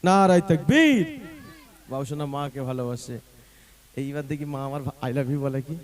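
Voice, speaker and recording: A man's voice: medium pitch, level tone, fairly quick, mellow. A man on stage coaxing and teasing the audience affectionately, breaking into devotional song between remarks. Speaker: stage singer and announcer. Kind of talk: live stage banter mixed with devotional singing. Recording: echoey stage sound with music.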